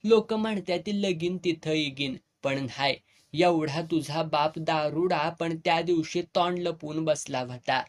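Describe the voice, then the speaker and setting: A storyteller voicing a blunt, fatherly old village headman who talks gruffly in a rural Marathi village dialect. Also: mid-range voice, a little slow, natural voice. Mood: expansive. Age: older. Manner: gruff, earthy, commanding.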